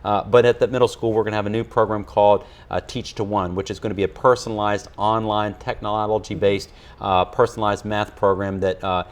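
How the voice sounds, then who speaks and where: A man who leads a school district, answering in an earnest studio interview with many fillers and restarts. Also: lowish voice.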